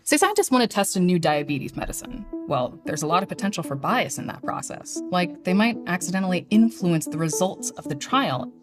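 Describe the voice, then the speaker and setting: A woman's voice: fairly low pitch, expressive, fairly quick, few pauses, over music. A woman appearing as a guest on an educational show, explaining science in a bubbly, enthusiastic way. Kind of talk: scripted educational dialogue.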